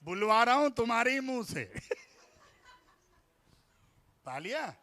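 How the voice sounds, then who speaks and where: A man's voice: extremely high pitch, very animated, slow pace, pushed and bright, a little hiss or hum. A man from India preaching a fervent sermon in church, calling on the congregation to repeat phrases back to him and dropping "Praise the Lord" between his points. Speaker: pastor.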